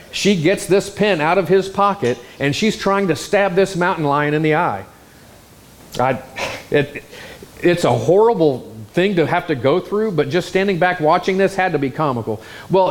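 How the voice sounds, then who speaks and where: A man preaching a sermon, telling a story in an animated, exclamatory way. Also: fairly high pitch. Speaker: pastor.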